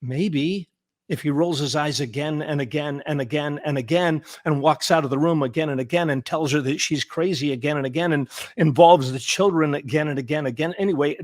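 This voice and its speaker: Earnest male therapist guest, emphatic and repetitive, stammering restarts, slightly high voice, dry close sound. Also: a little fast, dry recording. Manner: earnest and emphatic, repeats words for stress. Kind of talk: conversational interview.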